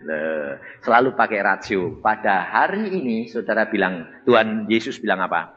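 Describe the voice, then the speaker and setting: A man's voice: fairly low pitch, normal speed. An older man preaching a sermon, telling stories and acting out the voices of the people in them. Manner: animated storytelling preacher, acting out quoted voices. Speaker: pastor. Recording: dull lo-fi sound in a reverberant hall.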